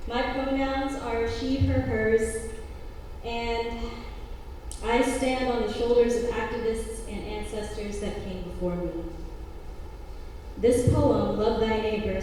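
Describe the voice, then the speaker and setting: A woman performing spoken word poetry on stage with deliberate, pointed delivery. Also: fairly high pitch, warm tone, a little hiss or hum. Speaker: poet. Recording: echoey hall from far off.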